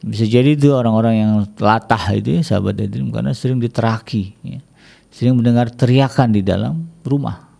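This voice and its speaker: A man giving casual religious advice on family life, chatty, with many small "ya" tags and lively acted-out complaints. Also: mid-range voice, brisk, gravelly. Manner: chatty, peppers speech with "ya", acts out quoted complaints in a raised voice. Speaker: Islamic family speaker.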